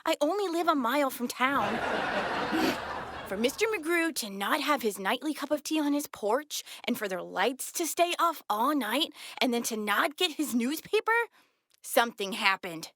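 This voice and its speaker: A woman's voice: high voice, animated, moderate pace, a bit bright, no room sound, studio quality, full character voice. A woman voicing an earnest, insistent country boy in a 1950s radio-style drama. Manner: insistent, secretive.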